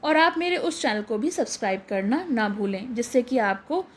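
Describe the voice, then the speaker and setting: Lady teacher, kinda high voice, going through answers point by point and explaining each. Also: expressive, normal speed, a little hiss or hum. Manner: lists points, then restates each in simpler words. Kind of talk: reading out textbook answers.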